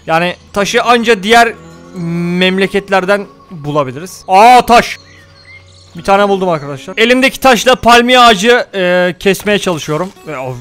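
A man giving casual let's-play commentary, excitable, talking to his viewers and cursing at the game. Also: sits high. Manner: excitable, talks to viewers, mutters and curses at the game. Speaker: gaming YouTuber.

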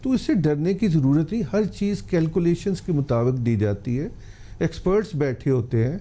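A man's voice: on the high side, lively intonation, moderate pace, mellow. An older man, a cancer specialist on a TV health talk show, giving earnest, pleading advice to the public. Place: TV studio.

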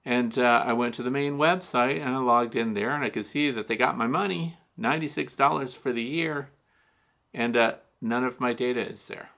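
A man's voice: mid-range voice, normal speed, gravelly, pushed and bright. An older man hosting a beekeeping show, talking casually to camera from a small home studio with frequent fillers and wry asides. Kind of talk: casual advice talk to camera. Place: small home studio with shelves and neon sign.

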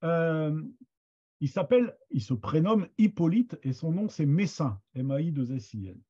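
Guy teaching a class, lots of uh and restarts, husky mellow voice, kinda muffled lo-fi sound. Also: a little high, sing-song, a little slow. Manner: hesitant, many fillers and restarts. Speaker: lecturer on Picard literature. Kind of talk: informal lecture showing books. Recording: dull lo-fi sound.

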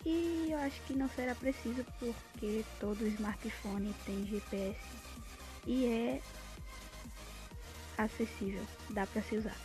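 A Brazilian woman demonstrates an app as tutorial host without a script, clear music audible behind her. Her voice is a little high and a little slow.

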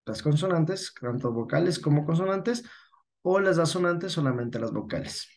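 A man's voice: on the high side, animated, normal speed, gravelly. A man with an Ecuadorian Spanish accent, teaching a class patiently, often correcting himself and checking that students follow. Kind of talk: online class lesson.

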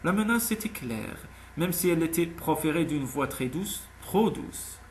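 A man narrating a novel in a measured, even storytelling manner. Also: on the high side, a little hiss or hum. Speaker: audiobook narrator. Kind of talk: scripted audiobook narration.

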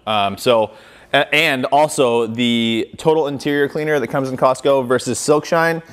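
A man's voice: mid-range voice, moderate pace. Casual man reviewing car wash kits. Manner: conversational, filler-heavy, demonstrative with hands. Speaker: car detailing channel host. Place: indoor garage workshop with shelves of products.

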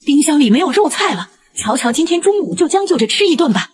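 A woman's voice: sing-song, quick pace. A woman voicing a mean, scolding grandmother in her sixties who favors her grandson. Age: 60s. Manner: shrill and scolding.

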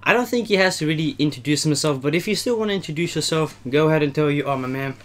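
In a small, warm attic room, a young man hosts a casual mukbang, chatting in a slangy, laid-back way between bites. His voice is fairly high and a bit bright, animated and quick.

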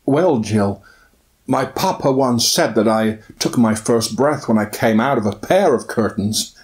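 A man's voice: mid-range voice, measured pace, close to an everyday voice. Man playing a gushing curtain-obsessed woman. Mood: chatty, fond. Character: chatty curtain-obsessed woman, a mother, comedy interviewee. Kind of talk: spoof news interview.

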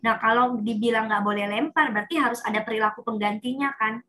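Bright fairly high woman therapist talking a parent through stuff, acts out kid lines. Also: quick pace. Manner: explains with acted child quotes, animated. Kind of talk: consulting conversation.

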